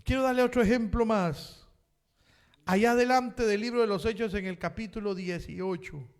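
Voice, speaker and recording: A man, preaching a sermon. He calls out to the congregation as brother and repeats amen, and he swings from loud, impassioned passages to quiet asides. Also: high-pitched, moderate pace. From Chile. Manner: impassioned preaching that rises to shouts, then drops to quiet asides. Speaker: pastor.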